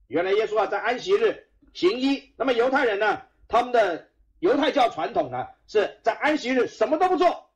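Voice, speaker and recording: High-voiced man preaching a sermon. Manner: frequent "ah" fillers, emphatic rhetorical questions; reads scripture passages aloud within the preaching. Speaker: pastor.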